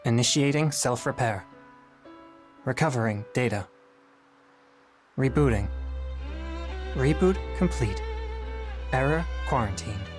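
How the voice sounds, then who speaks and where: A man's voice: mid-range voice, animated, slow, pauses often. A man voicing an aging male automaton who stutters and glitches through system errors, speaking in a formal, stiff way. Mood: rebooting. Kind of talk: game dialogue. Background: game music.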